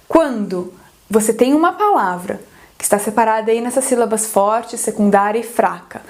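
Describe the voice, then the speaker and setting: A woman's voice: a little high, darkish tone. A woman teaching English pronunciation in an online lesson, explaining step by step and checking in with a frequent "ok?". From Brazil.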